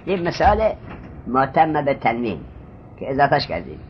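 A man teaching Arabic grammar, reading lines of text slowly and explaining them step by step, often stopping to quiz his student. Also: mid-range voice, wildly swooping pitch. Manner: reads Arabic text slowly, then glosses it. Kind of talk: Arabic grammar lesson in Persian. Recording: dull lo-fi recording, faint background hiss.

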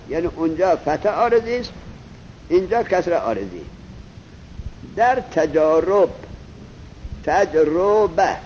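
A man teaching a classroom lesson, explaining step by step, asking questions and answering them himself, and reading passages slowly. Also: on the high side, darkish tone, highs cut off, slight background noise. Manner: reads Arabic passages slowly and deliberately. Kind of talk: classroom lesson on Arabic grammar.

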